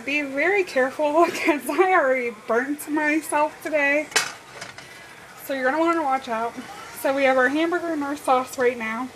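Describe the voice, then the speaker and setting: A young woman with a high voice talks viewers through a recipe in an easy, chatty way. Her voice is a little worn, and clear kitchen clatter from pots and dishes sits behind her. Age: young adult. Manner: chatty, step-by-step instructions to viewers. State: losing her voice. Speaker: home cooking vlogger. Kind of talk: casual cooking demonstration. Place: home kitchen. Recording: cooking and dish noise in the background.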